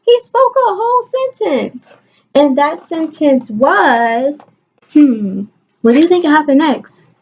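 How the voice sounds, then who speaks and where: A woman kindergarten teacher gives an expressive read-aloud lesson to young children, coaxing them with questions and stressing key words. Her voice sits high and she takes it slowly, though the audio sounds dull.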